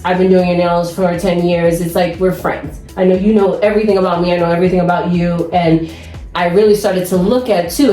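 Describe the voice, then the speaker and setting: Lively nail tech woman in chat. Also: lowish voice, echoey room. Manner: animated storyteller, laughs often. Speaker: nail tech and podcast host. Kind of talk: casual chat.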